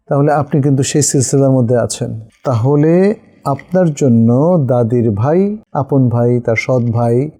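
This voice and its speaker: A man's voice: mid-range voice, mellow. A middle-aged man with a Bangladeshi Bengali accent, an Islamic scholar answering viewers' questions. He explains patiently and checks understanding with tag questions. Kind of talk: religious question-and-answer session.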